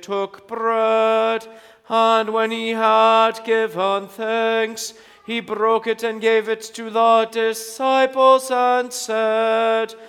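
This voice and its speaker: A man's voice: high-pitched, clear, resonant tone. Man chanting liturgy in cathedral echo. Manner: slow, even, intoning. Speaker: priest leading a service.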